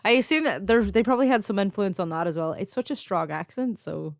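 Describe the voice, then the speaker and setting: A woman's voice: medium pitch, fast, gravelly, no echo, studio quality. A woman with a Donegal Irish accent co-hosting a podcast, chatting casually, laughing often and leaning on "like" as a filler. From Donegal, Ireland. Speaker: podcast co-host. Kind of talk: casual chat.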